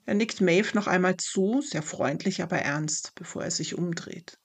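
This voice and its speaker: A storyteller giving a calm, measured first-person narration of a fairy-tale story. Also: medium pitch, slightly rough.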